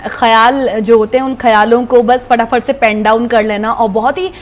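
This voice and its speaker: High-voiced woman interviewer. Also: fairly even intonation, moderate pace. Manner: warm, encouraging, mixes English phrases. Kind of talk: interview hosting.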